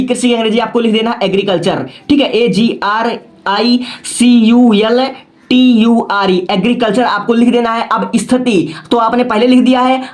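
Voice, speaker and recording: A male teacher giving a patient, step-by-step lesson, often checking in with "okay" and spelling words out letter by letter. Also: very high-pitched. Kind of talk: classroom-style lesson.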